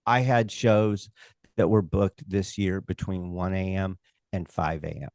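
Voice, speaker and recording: An American man talking casually in an interview as a stage hypnotist and comedy performer, emphatic and opinionated, halting and using rhetorical asides. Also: low voice, steady tone, darkish tone, no echo, studio quality.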